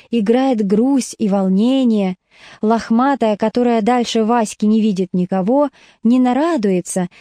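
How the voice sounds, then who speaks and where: Mellow-voiced woman reading a story aloud. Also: on the high side, no echo, clean studio sound. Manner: lively, storytelling. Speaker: audiobook narrator. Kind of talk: expressive scripted narration.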